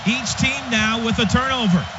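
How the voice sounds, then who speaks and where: A very high voice at normal speed belongs to a football play-by-play caller describing the action in brief, running radio commentary. He's in a stadium radio booth, the broadcast sounds dull, and the crowd and stadium are clearly audible.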